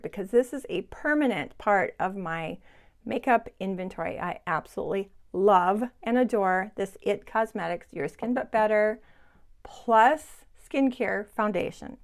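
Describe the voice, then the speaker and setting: A woman in her sixties, chatting casually and enthusiastically to viewers as she reviews beauty products at home. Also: mid-range voice. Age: 60s. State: sweating in the heat. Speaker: beauty vlogger. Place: home, hot room without air conditioning.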